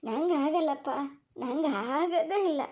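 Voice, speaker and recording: A woman's voice: high-pitched, moderate pace, mellow, close to an everyday voice. A woman with a Malnad Kannada accent voicing a whiny, scheming older mother-in-law in a cartoon, wailing and muttering asides. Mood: fussing scold. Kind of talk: cartoon voice acting.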